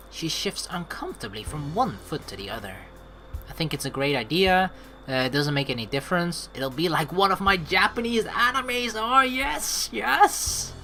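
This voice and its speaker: A woman with a fairly low-pitched voice does casual let's play commentary, reading game dialogue aloud in an expressive, playful and sweary way.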